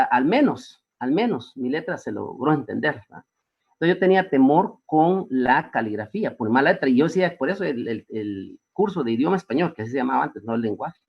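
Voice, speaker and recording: A male teacher gives a classroom lecture, his pitch swooping up and down as he peppers the students with questions. The recording sounds dull and lo-fi. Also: breathy edge. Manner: rhetorical questions, frequent tag questions.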